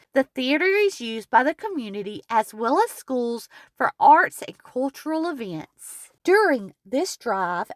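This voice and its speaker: A woman narrates a local history travel video, reading a script slowly and in a measured way as a close voice-over. Her voice is fairly high and fairly bright, and the recording is dry.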